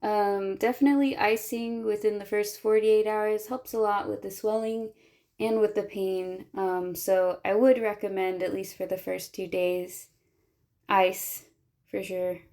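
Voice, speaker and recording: A woman's voice: medium pitch, fairly even intonation, measured pace, a little mellow. A woman explaining things and giving advice in a casual voice-over. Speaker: vlogger giving recovery advice.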